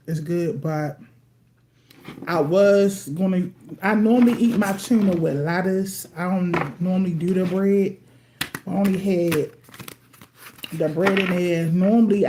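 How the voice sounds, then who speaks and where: Her voice is on the low side and warm, with slight background noise, as this woman gives an informal tarot reading over a home livestream with the TV on. She chats away, eats mid-conversation, and calls everyone watching y'all.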